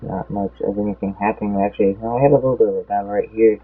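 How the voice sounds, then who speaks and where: A young man fires off rapid commentary on a race in a lowish, steady voice. Casual and rambling, he loses track of his count mid-sentence, his voice seems a bit off, and the audio is tinny and phone-like.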